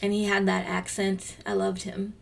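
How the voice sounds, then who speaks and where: A woman in her fifties reading her devotional aloud as podcast host. She speaks gently and reflectively, sometimes dropping to a soft near-whisper. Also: mid-range voice, monotone, normal speed, creaky. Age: 50s. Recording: voice slightly distant from the mic.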